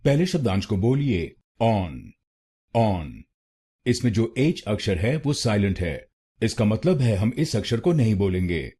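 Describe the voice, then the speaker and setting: Indian male tutor, low and mellow, lively pitch, patient syllable-by-syllable drills. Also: slightly rough. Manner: slow, deliberate repetition of syllables. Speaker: pronunciation teacher. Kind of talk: tutorial narration.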